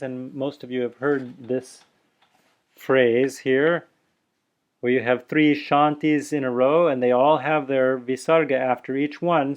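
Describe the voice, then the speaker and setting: A man gives an instructional lesson at an ordinary middle pitch, patient and explanatory. He breaks words into sounds and repeats them slowly and softly for demonstration. He talks straight to the camera in a calm, measured way. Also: highs cut off. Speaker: Sanskrit pronunciation teacher. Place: indoors, on camera showing his mouth.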